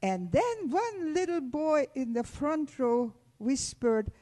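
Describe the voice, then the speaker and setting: A woman in her eighties from Hungary, speaking, gives a measured, deliberate testimony talk to a school audience. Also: sits high, big pitch swings, dark tone. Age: 80s. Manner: measured, deliberate, addressing children directly. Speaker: Holocaust survivor speaking to students.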